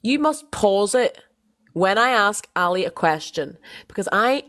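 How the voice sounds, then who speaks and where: A woman's voice: mid-range voice, animated, fairly bright tone. Playful young woman podcast co-host. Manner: playful, self-mocking, quick restarts. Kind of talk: casual chat.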